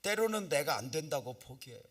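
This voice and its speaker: A middle-aged man preaching at a revival meeting in a church, telling a story with lively acted-out voices and sudden loud cries. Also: a little high, a little fast, husky. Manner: animated storytelling, acts out quoted voices, bursts into loud cries. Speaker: pastor. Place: church sanctuary.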